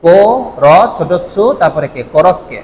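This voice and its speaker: A male language teacher from Bangladesh running a vocabulary drill, asking questions and repeating words slowly for learners. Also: a little high, darkish tone, in a large hall, slight background noise, poor audio.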